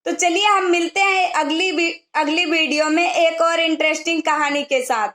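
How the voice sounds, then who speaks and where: A woman's voice: very high voice, steady tone, normal speed, a bit bright, roomy sound. A woman casually telling a short moral story, retelling the dialogue plainly as she goes.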